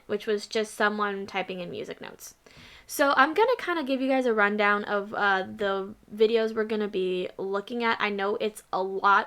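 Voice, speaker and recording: A woman with a mid-range, fairly bright voice runs her own channel and chats loosely through a rundown of her earlier videos, dropping asides here and there.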